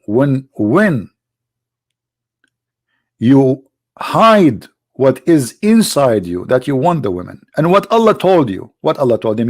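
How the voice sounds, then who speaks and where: A man's voice: medium pitch, gravelly, darkish tone, husky. Mocking man with a cold. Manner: mocking, rhetorical questions. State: has a cold. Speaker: online religious critic. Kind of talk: polemical monologue.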